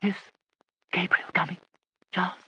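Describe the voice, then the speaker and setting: Reading an audiobook at a measured pace, a man voices a vague, hard-of-hearing elderly aristocratic aunt whose speech is soft, wandering and genteel. The sound is lo-fi with no room sound.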